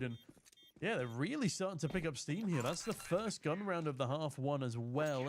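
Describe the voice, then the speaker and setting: A man from the UK casting a community tournament live, chatty and getting excited on big plays, while reading out viewer chat. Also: a little high, noisy background. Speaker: esports caster.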